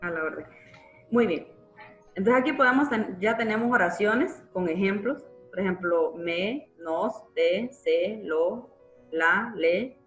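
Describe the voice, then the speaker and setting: A woman's voice: medium pitch, animated, slow pace, fairly bright tone, reverberant, soft background music, poor audio. A woman teacher giving a live online grammar class, explaining patiently and checking in with frequent tag questions. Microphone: computer mic in a live online class.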